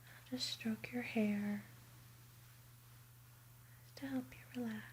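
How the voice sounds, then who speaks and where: Slow, soothing whispering woman. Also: a little high, steady tone, slight background noise. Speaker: ASMR roleplay performer. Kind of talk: ASMR bedtime roleplay.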